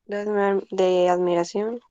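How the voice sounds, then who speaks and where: A woman's voice: medium pitch, level tone, normal speed, mellow, lo-fi sound, slight background noise. A woman student answering her teacher's questions in an online class, hesitant and unsure of herself.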